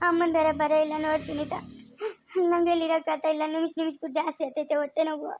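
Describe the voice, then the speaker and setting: A woman as a tearful young mother in labor; rural Chikkaballapur Kannada accent, high and fast, begging through pain. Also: little pitch movement, dark tone, a little hiss or hum. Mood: sobbing. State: in pain, crying.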